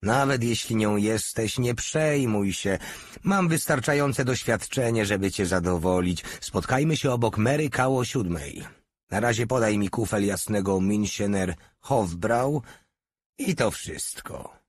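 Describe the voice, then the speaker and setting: A man's voice: fairly low pitch, expressive, measured pace, dry recording, pitched above the performer's own voice. A man voicing a brash, lecherous male soldier who talks with crude swagger. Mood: cocky leering. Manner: cocky, swaggering and leering.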